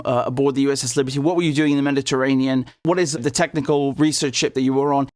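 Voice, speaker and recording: A man's voice: fairly high pitch, no room sound, clean studio sound. A man in his thirties from the United Kingdom hosts an interview, asking earnest questions with frequent restarts. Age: 30s. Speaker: interview host. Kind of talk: conversational interview.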